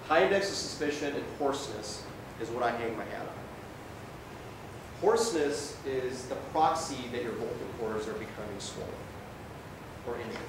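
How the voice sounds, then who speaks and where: An emergency physician gives an informal medical lecture, speaking conversationally and often checking in with his listeners. The recording is from a distant mic in a very echoey room, with a noisy rumble.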